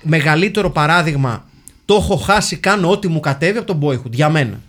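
A man, co-hosting a podcast in casual film chat, animated, slipping into English phrases and restarting his sentences. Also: a little high. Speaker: podcast co-host.

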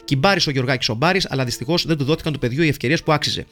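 A man's voice: mid-range voice, a bit bright, soft background music. A man hosting a podcast, reading listener messages aloud in a playful, jokey way and rattling through lists of names. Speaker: podcast host.

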